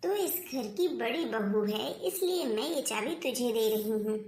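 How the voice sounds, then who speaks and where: A woman's voice: a little high, animated, unhurried, a little mellow, slight background noise. A woman voicing a scheming middle-aged mother-in-law in a cartoon, giving orders in a bossy way. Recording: roomy echo.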